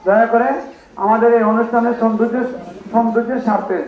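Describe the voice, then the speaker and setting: A man's voice: very high-pitched, little pitch movement, fast talker. A man addressing parents at a school event, making polite, repetitive requests. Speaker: event organizer. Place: outdoor school event ground. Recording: roomy, dull sound with faint crowd.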